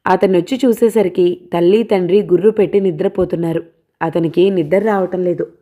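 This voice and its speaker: A woman narrating a novel as an audiobook reader, in a steady, plain reading voice. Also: lowish voice, fairly quick. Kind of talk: storytelling narration.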